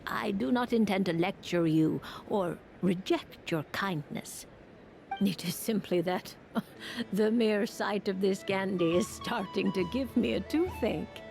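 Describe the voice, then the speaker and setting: Creaky, genteel elder lady. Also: mid-range voice, soft background music. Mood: gently declining. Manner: formal, gentle, unhurried. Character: genteel, kindly elder lady with an old-fashioned turn. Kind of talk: video game character acting.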